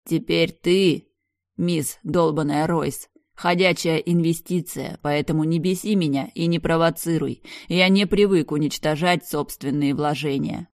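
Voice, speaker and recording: A woman voicing a commanding, menacing man who speaks in a calm, threatening, measured way, in an audiobook. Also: low-pitched, no echo, studio quality. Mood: cold menace.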